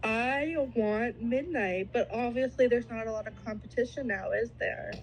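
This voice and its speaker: A woman's voice: on the high side, normal speed, low-quality recording. A woman from Canada talking as a podcast guest, blunt, profane and playful. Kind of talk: casual chat.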